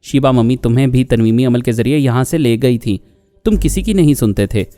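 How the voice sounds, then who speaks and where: A man's voice: medium pitch, fairly quick, dark tone, faint music behind, close to an everyday voice. A man voicing a naive, childlike young woman who pleads artlessly in a storybook reading. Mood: childlike, pleading.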